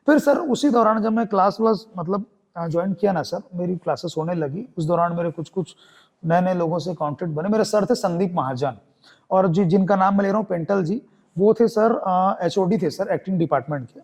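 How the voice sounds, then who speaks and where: A young theatre artist from Chhattisgarh, speaking with a Chhattisgarhi Hindi accent, recounts his story in a podcast interview. His voice sits high, a little mellow and fairly quick, and he acts out the voices of the people involved.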